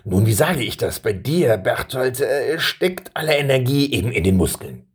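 A man's voice: mid-range voice, big pitch swings, husky, pitched above the performer's own voice. A man voicing an old king who halts and hems through his ceremonious speeches to his two sons. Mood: solemn. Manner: halting, ceremonious speeches full of pauses.

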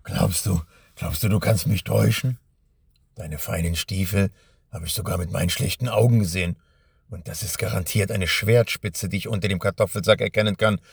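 A scarred old village robber, put on by a storytelling man with a smoky, gravelly growl and a low, husky edge. He talks in a gruff, taunting drawl. The sound is close and dry, as in a storybook reading. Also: steady tone, normal speed, no echo, full character voice. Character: menacing older male village robber, scarred.

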